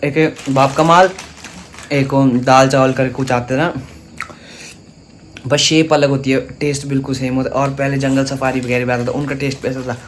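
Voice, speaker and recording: A man's voice: mid-range voice, little pitch movement, normal speed, slight background noise. A young man chatting casually to his viewers in a home vlog, teasing and talking straight to them. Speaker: family vlogger. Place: family home. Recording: loud crickets chirping behind.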